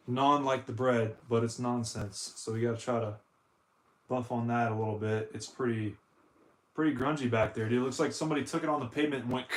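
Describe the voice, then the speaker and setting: Joking man in an echoey room. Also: mid-range voice. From United States. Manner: rambling, jokey, says "dude" a lot. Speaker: retro console streamer. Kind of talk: casual live-stream chat.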